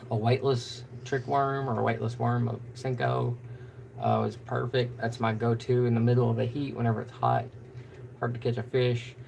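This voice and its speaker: Gravelly monotone man chatting. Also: mid-range voice, slight background noise. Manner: monotone, rambling with fillers. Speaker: fishing channel host. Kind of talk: casual live stream chat.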